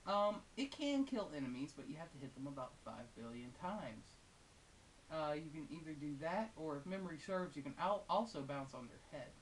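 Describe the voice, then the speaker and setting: A female-sounding voice of medium pitch reviews games at a moderate pace, expressive and opinionated. It's casual, unscripted talk with wry asides, recorded on a distant mic that adds hiss.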